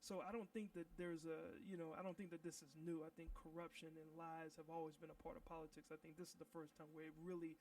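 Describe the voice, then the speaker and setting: A man hosting a radio interview, talking conversationally with lots of fillers and lively anecdotes. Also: a little high, fast, few pauses, far from the mic, poor audio. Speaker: radio host.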